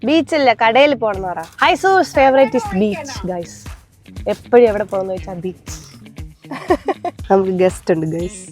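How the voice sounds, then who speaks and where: A woman's voice: fairly high pitch, animated, a little slow, darkish tone. Chatty young woman vlogging over music. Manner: chatty and playful, coaxing her small child. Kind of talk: casual vlog chat. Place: shopping mall.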